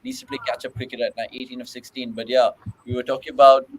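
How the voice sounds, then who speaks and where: A man's voice: mid-range voice, fast talker, a little hiss or hum, low-quality recording. Chatty British man hosting a cricket watchalong. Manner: chatty, reacts excitedly to shots, reads viewer questions. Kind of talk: live cricket watchalong commentary.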